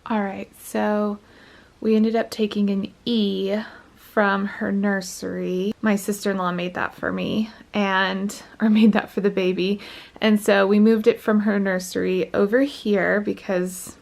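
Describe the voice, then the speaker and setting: A woman's voice: medium pitch, little pitch movement, measured pace, vocal fry, darkish tone. A pregnant woman, chatting casually on a home vlog and a little short of breath. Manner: chatty, upbeat, often laughs. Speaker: vlogger. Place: bedroom at home.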